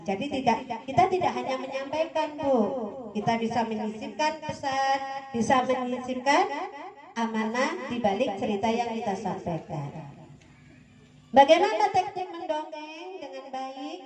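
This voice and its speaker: A woman teaching mothers how to tell stories, playful and animated, laughing often as she explains. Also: high-pitched, normal speed. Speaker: storytelling trainer. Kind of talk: workshop talk to mothers. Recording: echoey hall with a crowd.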